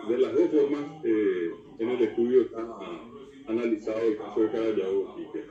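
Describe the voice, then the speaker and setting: A man's voice: on the low side, moderate pace, dark tone. A man from Paraguay with a Paraguayan Spanish accent, explaining words as a guest on a TV talk show, lecturing with many fillers. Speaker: guest expert on Guarani. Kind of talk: explanatory TV interview. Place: TV studio. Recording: roomy, distant, dull TV audio.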